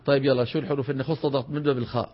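A man's voice: medium pitch, little pitch movement, racing. A man with a Levantine Arabic accent teaching Quran recitation, chanting verse lines and drilling syllables aloud. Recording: dull lo-fi lecture recording.

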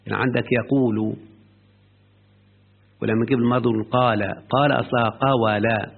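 A man's voice: mid-range voice, steady tone, a little fast, gravelly, a little hiss or hum. A man with an Egyptian Arabic accent explaining a grammar book to a student, often stopping to check that the student has understood. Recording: lo-fi phone-like recording.

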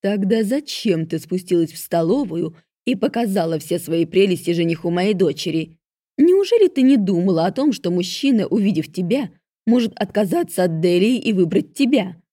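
A woman's voice: medium pitch, big pitch swings, a little slow, creaky, hardly any pauses, dark tone, breathy edge, no echo, clean studio sound, exaggerated voice. A woman voicing a domineering middle-aged stepmother who barks harsh scolding orders. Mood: enraged.

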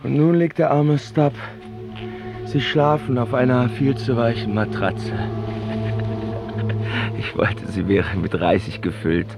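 An actor playing a doomed, stubborn ship's mate in a radio play, joking grimly to himself. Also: male voice, mid-range voice, slow pace, vocal fry, pauses often, music in the background. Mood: grimly wry.

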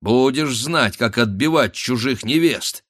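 A man's voice: mid-range voice, measured pace, a bit bright, no room sound, studio quality, pitched above the performer's own voice. A man voicing a bold, mocking young Cossack lad who rallies his friends.

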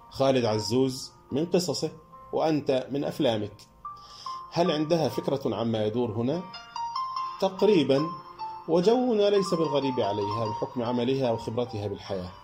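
A man's voice: mid-range voice, mellow, pitched above the performer's own voice, lightly acted. A man voicing an earnest middle-aged man who eagerly reassures his friends in an audiobook reading.

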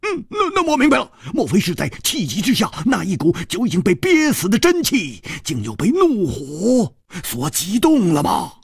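A male storyteller voicing a boisterous, loud swordsman who shouts and laughs in high excited outbursts. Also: moderate pace, vocal fry, few pauses, husky, no echo, clean studio sound, full character voice.

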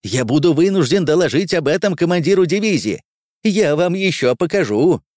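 Blustering supply colonel, shrill high voice, indignant threats, voiced by a male reader; dry studio read. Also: very animated, moderate pace, darkish tone, no echo. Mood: stern.

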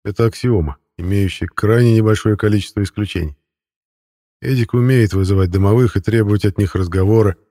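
A male narrator reads a first-person story with a wry, ironic touch. His voice is low and warm. The recording is dry and close, with no room sound. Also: brisk, dry recording. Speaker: audiobook narrator.

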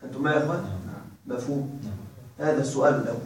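A man's voice: mid-range voice, fairly even intonation, rapid-fire. A man teaching grammar to a class, drilling the students in call-and-response and prompting them to finish words. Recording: very echoey room, voice far from mic.

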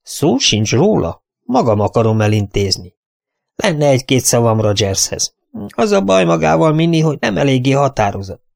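A man's voice: mid-range voice, sing-song, creaky, pitched above the performer's own voice. A man voicing a domineering old spinster lady who speaks in curt, commanding sentences.

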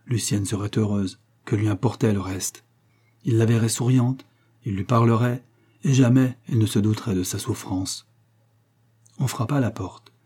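Guy reading an old novel out loud, kinda husky, slow and careful. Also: on the low side. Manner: measured, literary reading. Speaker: audiobook narrator. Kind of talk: scripted narration of a novel.

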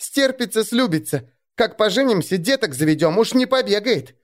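A shrill village girl, spiteful and tearful, hissing her words in a very high voice, as a male narrator puts her on. Her pitch leaps about wildly. It is a storybook reading. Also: expressive, normal speed. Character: spiteful young village girl, sobbing and vengeful. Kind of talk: audiobook character voice.

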